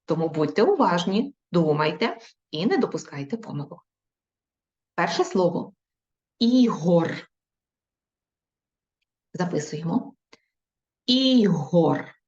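A woman teacher leads young children through a recorded lesson, speaking slowly and carefully. Her voice sits a little low. The sound is roomy and echoey, with a dull, lo-fi quality. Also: very animated, darkish tone. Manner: slow, careful dictation with repeated words. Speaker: primary school teacher.

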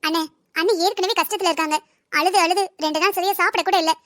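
A performer voicing a gentle young married woman in a cartoon drama who tries to keep peace. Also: very high-pitched, fast, dry recording, clean studio sound. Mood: placating. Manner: soothing, placating.

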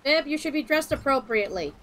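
A woman's voice: high-pitched, expressive, fast talker, fairly bright tone. A woman giving casual, chatty gameplay commentary in a playful, exclaiming way. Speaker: game streamer. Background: game music.

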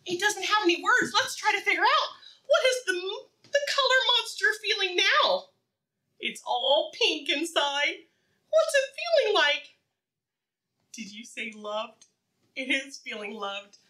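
A woman with a very high-pitched voice, picked up by a distant mic, reads aloud to preschoolers. She speaks simply and encouragingly, repeating phrases, asking the children questions, and pausing for their answers with animated energy.

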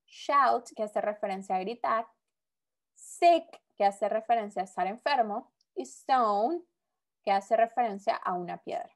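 A woman teaching a recorded English vocabulary lesson, explaining each word patiently and repeating it. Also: medium pitch.

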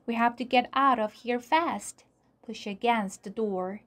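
Worried young boy trying to keep his nerve in a storybook, as a woman reads him, pitched a little higher, unhurried and earnest. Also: fairly bright tone. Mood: anxious. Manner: earnest, urgent storybook dialogue.

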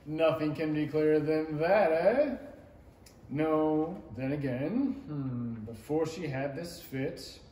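The young man's voice is a little high and dark in tone, and he speaks slowly as a pompous, befuddled king musing and hemming in a 1930s-style radio play. The stage pickup in the small indoor theatre echoes, with faint background noise.

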